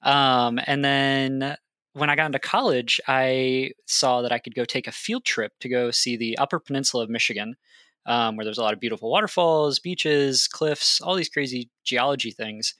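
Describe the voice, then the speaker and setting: Young adult man, eager explainer, bright and dry, casual interview guest. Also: medium pitch, normal speed, no room sound. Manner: enthusiastic, explanatory, filler-heavy. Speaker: guest geologist.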